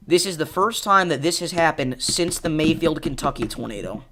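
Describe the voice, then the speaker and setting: Urgent, distressed man with a higher-pitched voice. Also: animated, normal speed, background noise. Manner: urgent, emphatic, repetitive pleading warnings. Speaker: live storm coverage host. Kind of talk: live severe weather commentary.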